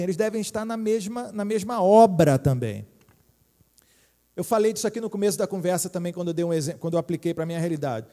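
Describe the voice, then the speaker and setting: A man's voice: high voice, mellow. A middle-aged Brazilian man preaching a sermon as a pastor, chatty and joking, checking in with the crowd. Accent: Brazilian Portuguese. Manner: joking, chatty preaching with many tag questions. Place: church hall. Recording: hall reverb.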